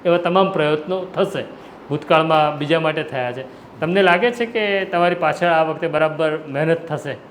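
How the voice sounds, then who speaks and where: A man asks a politician long, deliberately framed questions and restates them to make his point clear. His voice is fairly high and carries an echoey room sound, with faint noise behind it. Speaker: interviewer. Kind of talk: news interview questions.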